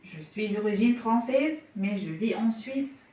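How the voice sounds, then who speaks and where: A woman's voice: mid-range voice, animated, measured pace, warm tone. A woman reading scripted questions and answers in a French lesson dialogue. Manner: asks scripted questions plainly. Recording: echoey room, voice from a distance.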